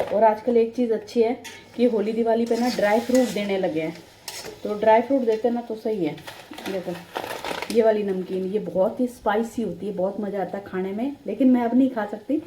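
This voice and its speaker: A woman's voice: mid-range voice, normal speed. Middle-aged woman home vlogger, chatty and rambling, built-in mic, echoey room, faint noise. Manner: chatty and rambling, speaks straight to viewers. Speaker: family vlogger. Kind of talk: casual home vlog chat. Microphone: built-in phone or camera mic, no external mic.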